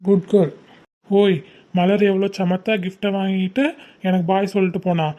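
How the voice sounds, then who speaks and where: A woman voicing a young male uncle, a college student, who gently coaxes his niece. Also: medium pitch, level tone, moderate pace, lo-fi sound, natural voice. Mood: coaxing. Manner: soothing, coaxing, repeats "okay?".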